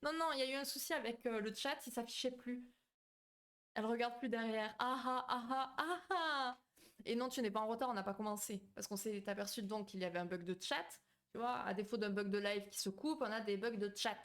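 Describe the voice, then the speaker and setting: A woman's voice: fairly high pitch, fast. A woman hosting a psychology live stream, chatting casually with viewers between points, with many fillers and restarts. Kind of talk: casual live-stream talk, reading chat. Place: home streaming setup.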